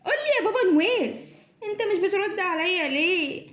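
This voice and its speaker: A woman's voice: very high voice, expressive, a little fast, a bit bright. A woman acting as a chatty, clingy talking Christmas tree in a children's play. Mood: clingy, teasing. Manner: chattering, pestering, giggly. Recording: echoey room.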